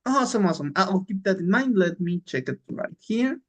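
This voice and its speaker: Over an online class call, a male English teacher talks fairly quickly in a high-pitched, animated voice. He's informal and encouraging, driving his points home by repeating words.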